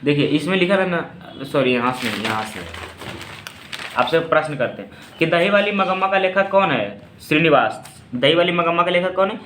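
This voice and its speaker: A male tutor walks students through a story in casual classroom style. He keeps posing quick questions and answering them himself. His slightly high voice rings in a roomy space. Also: animated, a bit bright, a little hiss or hum.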